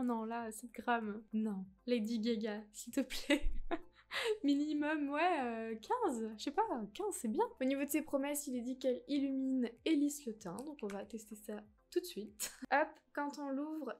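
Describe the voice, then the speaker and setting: A woman's voice: on the high side, darkish tone. A woman giving a casual makeup review, chatty and candid, with lots of fillers and frank opinions on price and quality. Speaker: beauty vlogger.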